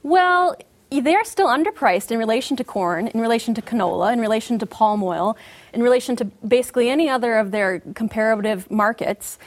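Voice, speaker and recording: A woman commodity market analyst giving measured, explanatory answers full of market jargon in an interview. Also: fairly high pitch, expressive.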